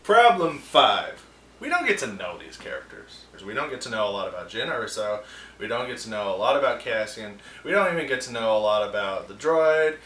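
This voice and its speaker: A man hosting a film review show delivers casual, sarcastic rants in a bright, forceful voice. He sits back from the mic, so his voice rings in a roomy echo. Faint ambient sound hums behind him. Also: lowish voice, fairly quick, recorded from a distance. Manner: sarcastic, animated ranting.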